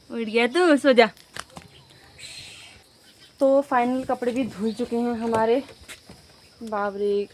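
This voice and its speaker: A young woman vlogging in a casual, chatty way, talking straight to her viewers as she walks around outdoors in a village. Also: fairly high pitch. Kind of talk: casual vlog walk-through. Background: faint outdoor ambience with animals.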